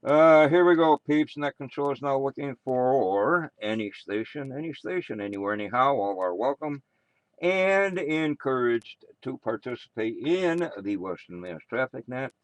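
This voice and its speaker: A man's voice: mid-range voice, expressive, normal speed, no room sound. A man with an American accent acting as amateur radio net controller, making casual announcements with rambling, muttered asides.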